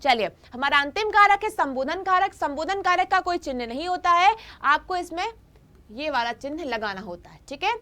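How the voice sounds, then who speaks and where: Woman teacher, high voice, explains grammar and keeps asking if everyone's following. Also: animated, normal speed, sharp tone. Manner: repeats points and keeps checking in with students. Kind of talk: online class lesson.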